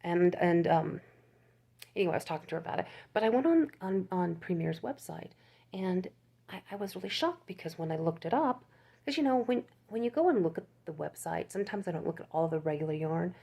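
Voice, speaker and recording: An older woman chats about her crochet pieces on YouTube, rambling, laughing and restarting in an easy show-and-tell. Her voice sits on the low side and is animated, brisk, gravelly, mellow and slightly rough.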